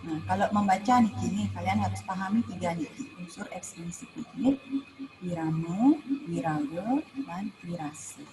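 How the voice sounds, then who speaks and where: A woman's voice: on the low side, moderate pace, over music. A woman teacher with a Balinese accent explaining poetry in an online class, full of "nah" and "ya" fillers. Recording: noisy livestream audio with background hum.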